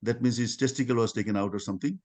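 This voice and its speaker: Over a video call, a middle-aged man gives an informal talk to a religious study circle, reading part of it aloud. His medium-pitched, slightly mellow voice is full of halting restarts and fillers.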